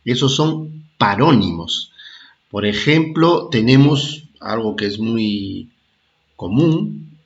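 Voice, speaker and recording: This lowish, expressive male voice, captured with lo-fi sound, belongs to a man teaching a primary school class. Slow and repetitive, he keeps verifying the children understand by asking "¿ah?" and "¿de acuerdo?"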